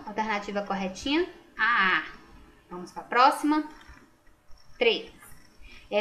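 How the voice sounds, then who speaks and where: A Brazilian woman with a fairly high, fairly bright voice patiently goes over a school exam, asking herself questions and answering them. She speaks with a Brazilian Portuguese accent and checks the answers aloud through rhetorical questions in this exam correction lesson.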